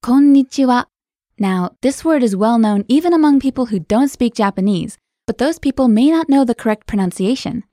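Woman lesson co-host, upbeat and clear, slightly high voice, dry studio sound. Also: expressive, brisk, hardly any pauses, warm tone, dry recording. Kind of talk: scripted podcast lesson.

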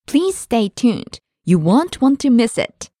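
Woman co-host, lively pitch, careful teaching delivery, dry close mic. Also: slow, no echo. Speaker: language lesson co-host and native-speaker model. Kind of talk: scripted podcast lesson.

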